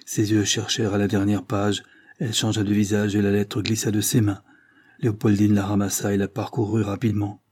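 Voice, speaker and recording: A man narrating a classic novel in a measured, even storytelling manner. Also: fairly low pitch, breathy edge. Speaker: audiobook narrator.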